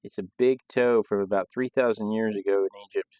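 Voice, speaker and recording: A man's voice: fairly low pitch, fairly even intonation, a little fast, no room sound. A man hosting a live sketching stream, talking casually while he draws, in a loose, rambling way with frequent restarts. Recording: dull, lo-fi sound.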